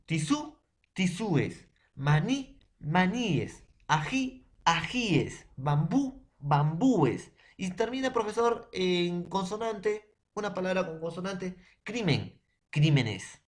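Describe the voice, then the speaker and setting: A man teaching a grammar lesson to a class, slow and repetitive, often checking in with his students. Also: high voice, big pitch swings.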